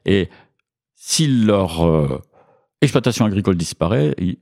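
Deep-voiced man explaining, hesitant. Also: lively intonation, vocal fry, darkish tone. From Franche-Comté, France. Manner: measured, frequent hesitations. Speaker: historian guest. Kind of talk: interview answers, explanatory.

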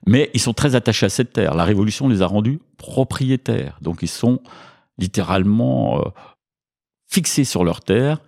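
A man from Franche-Comté, a guest in an interview, explaining history in a measured way with frequent hesitations. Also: lowish voice, lively intonation, creaky, a little mellow.

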